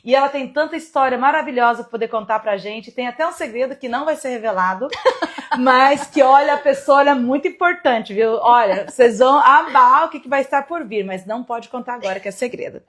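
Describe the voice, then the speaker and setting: Woman host on a live video call, high voice, chatty and encouraging, laughs a lot. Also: fairly quick. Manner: chatty, warm-hearted encouragement, frequent laughter. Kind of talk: casual live interview.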